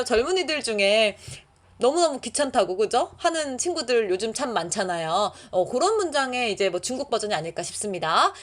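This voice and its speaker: A young adult woman teaching a language lesson in an encouraging way, reading practice sentences slowly for learners. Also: on the high side. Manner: lively, encouraging, reads Chinese lines slowly for learners.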